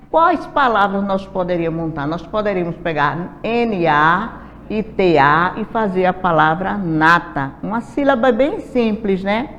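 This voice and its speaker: A woman teacher from Brazil giving a slow classroom lesson, sounding out syllables and letters one by one with patience. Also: fairly low pitch. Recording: dull lo-fi audio, faint hiss, reverberant room.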